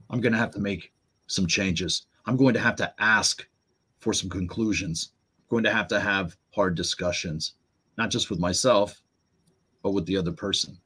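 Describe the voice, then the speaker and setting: Brief: man, low-pitched and husky, guest telling lively stories, jumps up in pitch when quoting others. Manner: animated storyteller, acts out quotes in raised voice. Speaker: podcast guest. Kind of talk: storytelling conversation.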